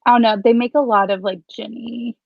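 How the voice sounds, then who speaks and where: A woman's voice: fairly high pitch, steady tone, brisk, creaky, no echo. A woman chatting casually with friends in a wry, candid, hesitant way on slightly muffled audio. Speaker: guest on a book chat livestream. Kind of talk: casual group chat.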